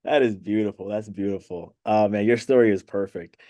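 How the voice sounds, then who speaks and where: Relaxed host with a mellow, dry voice. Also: male voice, lowish voice, brisk, no room sound, dull audio. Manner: relaxed, encouraging, trails off softly. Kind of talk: casual interview chat.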